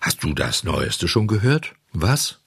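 A gang of cheeky schoolboy rascals from a storybook, loud and mocking, voiced by a man. Their voices jump high and swing widely, with a husky edge, in a dry recording. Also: big pitch swings, slow pace, no room sound, full character voice. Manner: shouting, mocking. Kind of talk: audiobook reading.

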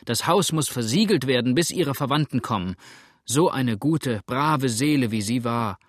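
An indignant townsman shouting from an angry crowd, as a male narrator puts him on, emphatic and outraged. The recording is dry and close. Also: mid-range voice, lively intonation, moderate pace, no echo, close to an everyday voice.

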